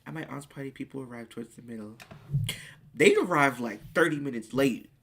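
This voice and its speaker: A speaker in their late teens chatting casually on a live stream, reading viewers' questions aloud and answering in excitable bursts. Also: mid-range voice, a little fast, a little hiss or hum.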